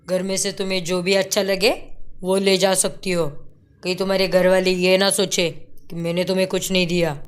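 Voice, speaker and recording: A woman's voice: fairly low pitch, monotone, moderate pace, clean tone, lightly acted. A woman voicing a short-tempered young husband in a cartoon story, scolding sharply. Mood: angry. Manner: angry, scolding.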